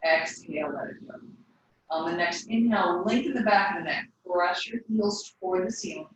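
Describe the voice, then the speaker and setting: Brief: woman yoga teacher, calm breath cues, faraway mic in an echoey studio with faint hum. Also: lowish voice, moderate pace. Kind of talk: guiding a yoga class. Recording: echoey room, voice from a distance.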